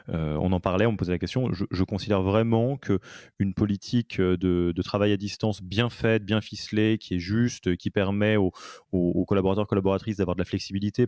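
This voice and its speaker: Low-voiced man hosting a podcast. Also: a little mellow, no room sound, studio quality. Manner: hesitant, many fillers and restarts. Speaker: podcast host. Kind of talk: casual interview conversation.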